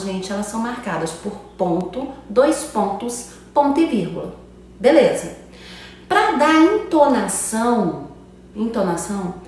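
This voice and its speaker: A woman's voice: on the high side, distant mic, a little hiss or hum. A woman teaching an online grammar lesson in a chatty way, checking in with "tá?" after almost every phrase. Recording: echoey room, voice a bit off-mic.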